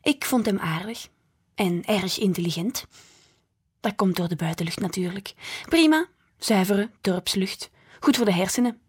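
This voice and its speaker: A woman's voice: medium pitch, lively intonation, a little slow, pauses often, husky. A woman voicing a sour, grumbling older grandmother who complains and exaggerates, in a storybook reading.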